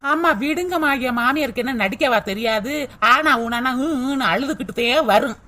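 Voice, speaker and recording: A woman voicing a bold, sharp-tongued young daughter-in-law in a cartoon, firing back cheeky, quick retorts. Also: high-pitched, very noisy, natural voice. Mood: defiant. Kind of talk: cartoon dubbing.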